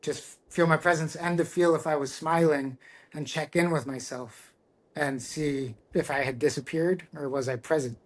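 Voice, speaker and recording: Middle-aged guy opening up on a podcast, earnest, bit of a higher voice, keeps restarting his sentences. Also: fairly even intonation. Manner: earnest and reflective, with halting restarts. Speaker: guest, tattoo artist. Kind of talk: candid personal storytelling.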